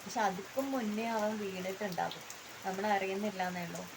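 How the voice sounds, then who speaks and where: A woman's voice: mid-range voice, steady tone, brisk, noisy background. A woman vlogger chatting casually, explaining step by step what is happening at her home. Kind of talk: casual vlog narration. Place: outdoors at home during heavy rain.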